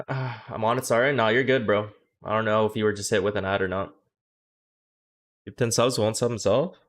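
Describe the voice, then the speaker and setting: Lowish and fairly even in intonation, a young man chats casually on his livestream. The streamer and coach is profane and playful, reacting fast and joking with viewers.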